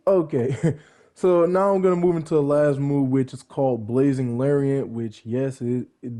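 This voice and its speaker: Young man, mellow and relaxed, casual rambling narrator who keeps correcting himself. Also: mid-range voice. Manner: rambling, self-correcting, joking asides. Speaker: fan content creator. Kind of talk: casual narration of fan backstory.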